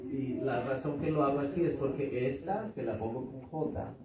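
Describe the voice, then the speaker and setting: A man's voice: medium pitch, moderate pace, a crowd in the background. A middle-aged man teaching a church seminar, patiently repeating words and checking in with his listeners. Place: church hall with audience. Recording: echoey hall from far off, dull.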